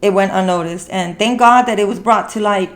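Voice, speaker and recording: An earnest talk show host of Mexican heritage leads a casual movie review discussion, repeating phrases for emphasis. Her mid-range voice moves a little fast.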